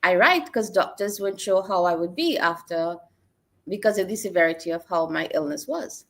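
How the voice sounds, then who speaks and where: This middle-aged Trinidadian woman speaks at normal speed in a fairly low, animated voice with a bit of brightness. She is recounting her life as an interview guest, reflective and earnest, and her storytelling leans on repeated phrases.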